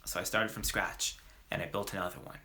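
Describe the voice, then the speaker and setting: A young male actor performing a dramatic monologue as a remorseful young ex-drug dealer, talking in a halting, slangy way full of fillers and restarts. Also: deep voice, fairly even intonation, bright, forceful tone, full character voice. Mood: earnest.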